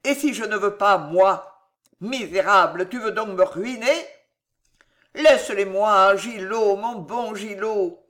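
A reader playing an old miser who growls and sneers at his nephew, scornful and threatening. His voice is rough with scorn in this audiobook scene. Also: medium pitch, takes it slowly, a bit bright. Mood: growling. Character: miserly old man, menacing, bony-fingered.

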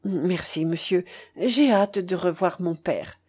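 A woman's voice: fairly low pitch, slow pace, a little mellow, husky. A woman voicing a respectful young man returning home after years away, in a plain, polite manner. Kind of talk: audiobook character reading.

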